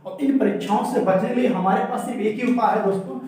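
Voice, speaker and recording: A man's voice: sits high, quick pace, darkish tone. A man teaching a vocabulary lesson, explaining each word and then quizzing his viewers on it. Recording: echoey room, mic far off.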